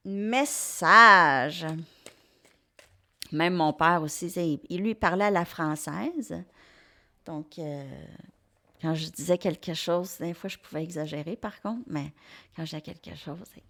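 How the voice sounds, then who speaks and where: A woman's voice: fairly low pitch, slow pace, sharp tone. A woman with a Québécois French accent doing a tarot card reading for viewers, hesitant, with many fillers and restarts. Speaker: tarot reader.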